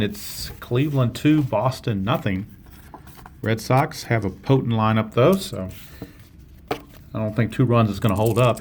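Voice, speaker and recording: Man, tabletop baseball play-by-play, mid-pitched voice, steady explaining tone, faint hiss behind. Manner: steady, explains each dice roll, self-corrects. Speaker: tabletop baseball game player and commentator. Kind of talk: play-by-play commentary of a tabletop game.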